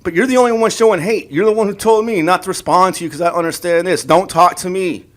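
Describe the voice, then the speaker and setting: A man's voice: high voice, fast talker, fairly bright tone. A man ranting in a political opinion vlog, heated and sarcastic, stumbling over and repeating his words as he mocks the people he disagrees with. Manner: heated and sarcastic, mocking voices of opponents; repeats words and restarts often. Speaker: political vlogger.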